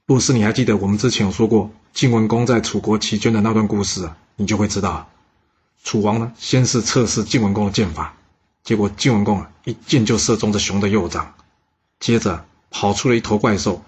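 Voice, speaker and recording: A man tells history stories in a chatty, casual way, often turning to ask the listener questions. His voice sits low and is strongly husky. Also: fairly quick. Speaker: podcast storyteller.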